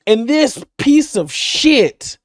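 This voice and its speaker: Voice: mid-range voice, very animated, drawn-out words, dry recording, studio quality. A reaction video host ranting angrily with heavy profanity while commenting on a clip. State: livid.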